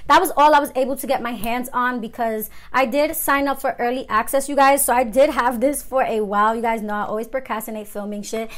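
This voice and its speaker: A woman beauty vlogger speaks straight to her viewers with excited, gushing energy. Her talk is loose and full of fillers, and she keeps calling out to her audience. Her voice sits a bit higher than usual. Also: brisk, few pauses. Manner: gushing and excited, filler-heavy, keeps saying you guys. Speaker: beauty channel host. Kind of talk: casual on-camera intro and outro of a beauty vlog.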